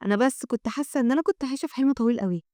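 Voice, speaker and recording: A woman reading as a gentle half-dragon girl with an Egyptian accent. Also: fairly high pitch, very fast, dry recording, studio quality, natural voice. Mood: polite. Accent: Egyptian Arabic.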